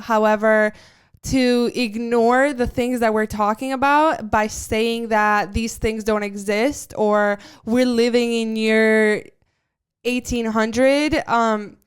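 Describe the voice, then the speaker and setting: Young woman, podcast co-host, earnest, very crisp resonant voice, a bit high. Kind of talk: casual chat.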